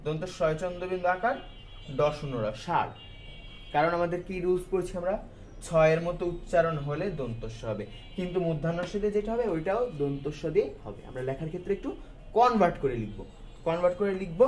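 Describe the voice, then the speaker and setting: A man with a high voice teaches a grammar lesson, walking through each rule step by step. He keeps asking questions and then answering them himself, in a casual way with English words slipped in. A faint hiss of noise sits under the recording. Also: expressive, fairly quick, darkish tone. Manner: colloquial, mixes in English words.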